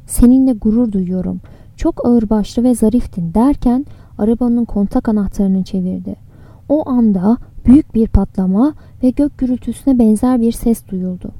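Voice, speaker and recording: Mellow-voiced woman reading an audiobook. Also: on the high side, dry recording. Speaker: audiobook narrator. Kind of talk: scripted audiobook narration.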